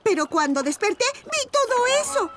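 Very high, fretful little seaplane. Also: female voice, sing-song, normal speed, noisy background. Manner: fretful, melodramatic. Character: nervous, easily frightened female little seaplane. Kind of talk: animated cartoon dub.

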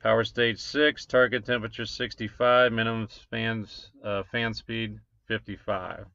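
A man's voice: lowish voice, flat delivery, a little slow, creaky, bright, forceful tone, no echo. A man, casually walking through his crypto mining numbers, rambling with many fillers. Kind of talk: casual screen-share walkthrough. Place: small room at a desk. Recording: dull lo-fi desk recording.

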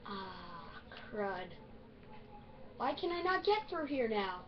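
A woman with the hiccups giving rambling, excitable let's-play commentary on a strategy game. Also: medium pitch, takes it slowly, dull audio, slight background noise. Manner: chatty, easily excited, rambling. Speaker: gaming video host.

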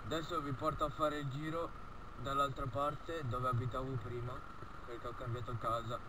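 A man's voice: mid-range voice, steady tone, moderate pace. A teenage boy chatting casually inside a motorcycle helmet as he rides, recorded on an action camera's own microphone. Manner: talking inside a motorcycle helmet while riding. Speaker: motovlogger. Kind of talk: casual chat while riding. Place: outdoors on a moped in town traffic. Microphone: action camera's built-in microphone, no external mic. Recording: loud engine and wind noise, poor camera microphone.

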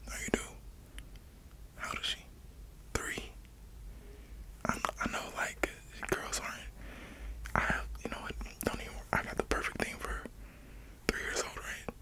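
A man's voice: unhurried, long pauses, sharp tone, low-quality recording. Whispering young man, casual salesman role-play. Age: young adult. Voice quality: whispered, unvoiced. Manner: casual, slangy, chummy sales patter. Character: chummy, casual street salesman. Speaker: ASMR creator playing a ball salesman. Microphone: close desktop microphone.

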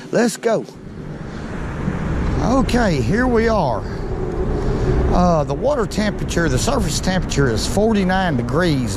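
A middle-aged man, giving casual folksy commentary while fishing from a small boat, recorded on a body-worn action camera. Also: on the high side. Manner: folksy, excitable when fish bite. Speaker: fishing vlogger. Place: small boat on a lake under a bridge, outdoors. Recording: outdoor noise on action cam.

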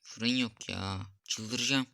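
A young man comments on a cooking game in an unhurried, drawn-out way. His voice sits a little low but has a bright, sharp edge. He mutters, reads the recipe steps aloud and grows openly exasperated when things go wrong. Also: fairly even intonation, creaky, dry recording. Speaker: gameplay streamer. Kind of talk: casual gameplay commentary.

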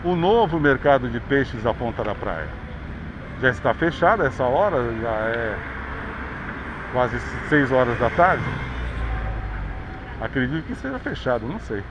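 Filmed on an action camera clipped to his handlebars, this Brazilian vlogger narrates an outdoor city bike ride in a tour-guide manner, pointing things out as he goes. His medium-pitched voice is very animated yet unhurried, broken by long pauses, and carries a Brazilian Portuguese accent. The sound is dull, with street noise throughout.

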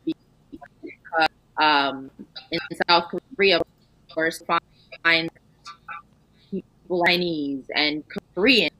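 A woman in her thirties on a video call panel, speaking in a measured, explanatory way from her living room. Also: sits low, bright, forceful tone, no echo, low-quality recording. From New York. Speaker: panel guest. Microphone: video call webcam.

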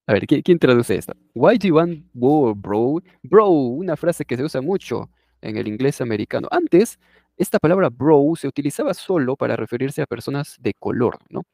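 A man's voice: medium pitch, animated, moderate pace, gravelly, warm tone, dry recording, clean studio sound. A man teaching an English class who explains in a conversational way and often checks in with his listeners. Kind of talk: explaining a lesson.

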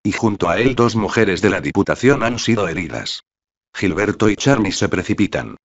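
An audiobook narrator with a very low, deep voice reads from a novel in a steady, measured manner. This is scripted narration, and the audio sounds dull and lo-fi with little sparkle.

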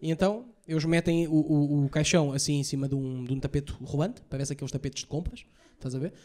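A young man with a European Portuguese accent doing a stand-up set, telling profane stories rapid-fire and acting out the lines he quotes. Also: a little high, warm tone. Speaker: stand-up comedian. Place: comedy stage before a live audience.

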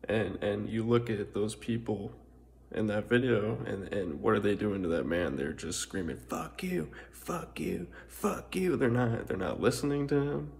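Deep, creaky-voiced man; rambling, filler-heavy, profane monologue. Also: animated, normal speed, darkish tone, slight background noise. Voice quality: frequent filler words and swearing, repetitive. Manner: meandering, restarts, occasional laughs.

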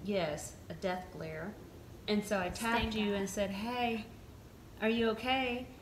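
A woman telling a funny story in a casual chat, acting out the lines of others with lively mimicry. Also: a little slow, roomy sound, a little hiss or hum, rough recording. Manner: animated, mimics others in a higher voice. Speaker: storyteller recounting events.

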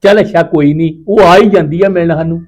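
A man playing a busy farmer husband, talking in a gruff, defensive way. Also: a little high, quick pace, a little mellow. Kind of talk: village drama acting.

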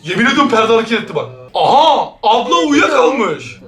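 A woman hosting a horror reaction video, jumpy and excitable, shrieking, laughing nervously and talking straight to her viewers. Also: fairly high pitch, a little fast, reverberant. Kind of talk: reacting to a horror short film.

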